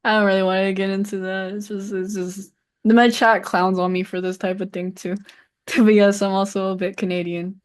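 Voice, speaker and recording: A streamer in her twenties from the San Francisco Bay Area, whose first language is Cantonese, chats casually in an interview. She's hesitant, says "like" a lot, and trails off. Her mid-range voice is smooth and level, at normal speed.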